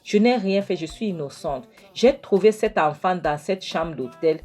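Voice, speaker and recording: A woman's voice: on the low side, lively intonation, moderate pace, darkish tone, soft background music, pitched above the performer's own voice. A woman voicing an accused man who pleads his innocence insistently, in a film recap. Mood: pleading.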